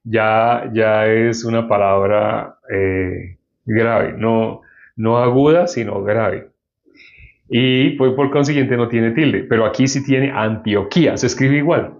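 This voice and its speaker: A man's voice: on the low side, takes it slowly, vocal fry. A man preaching a sermon and reading from the Bible, explaining and putting questions to his listeners. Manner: explanatory, asks the audience questions. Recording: dull lo-fi recording.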